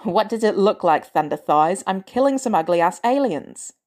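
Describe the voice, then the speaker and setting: A woman's voice: medium pitch, animated, normal speed, darkish tone, natural voice. A woman voicing a brash, sarcastic male armored superhero in a story reading.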